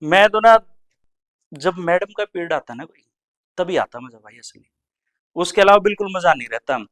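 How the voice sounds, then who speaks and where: On stage, a young comic spins school anecdotes, jumping between rapid impressions of teachers and fellow students. Heard through a handheld microphone, his somewhat high male voice is smooth, clear, expressive and a bit bright.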